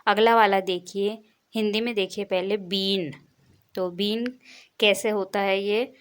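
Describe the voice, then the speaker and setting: A woman of ordinary pitch talks beginners through English words one at a time. She spells each word letter by letter, slowly and deliberately. She repeats every word several times so the learners can follow. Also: steady tone, clear, resonant tone. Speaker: English reading teacher. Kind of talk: step-by-step spoken lesson.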